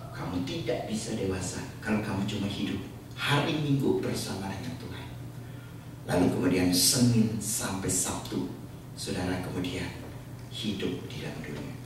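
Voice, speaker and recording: A man preaching a sermon as pastor, telling a story with lively asides and bits of English. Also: low voice, moderate pace, noisy background. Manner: animated storytelling, mixing in English phrases. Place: church sanctuary. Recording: echoey church hall from far off.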